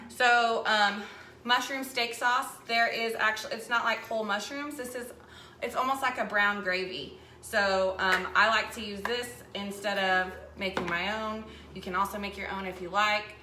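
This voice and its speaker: A woman, hosting a live cooking demonstration in her home kitchen, chatting and rambling as she works. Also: medium pitch. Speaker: cooking show host. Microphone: camera mic at a distance across the counter. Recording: echoey kitchen with background noise.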